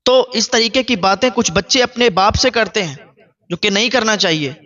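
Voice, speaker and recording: Brief: male preacher, high and bright, earnest lecturing story talk, dull lo-fi recording. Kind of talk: moral religious talk with storytelling. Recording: dull lo-fi sound.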